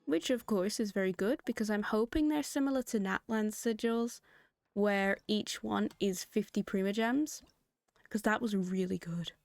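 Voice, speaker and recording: A hoarse woman hosting a gaming video, giving chatty, giggly commentary with sudden high excited jumps. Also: moderate pace, dry recording, clean studio sound, faint music behind. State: hoarse, has lost her voice. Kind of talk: casual gameplay commentary.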